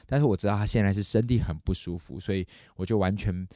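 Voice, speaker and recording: Fast-talking man, storytelling. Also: dry recording, clean studio sound. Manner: animated, acts out quoted voices with big pitch jumps. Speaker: podcast host. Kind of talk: casual storytelling.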